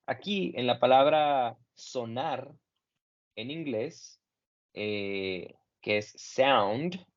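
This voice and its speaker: A man teaching English in Spanish over a video call, patiently modeling each word slowly and clearly for his students. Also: mid-range voice, lo-fi sound. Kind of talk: online class correcting pronunciation.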